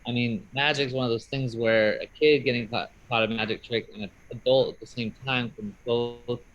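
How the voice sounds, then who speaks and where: A man's voice: mid-range voice, fairly even intonation, moderate pace, fairly bright tone, lo-fi sound. A man who does magic, talking casually and rambling upbeat on a video call. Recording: faint noise on a video call.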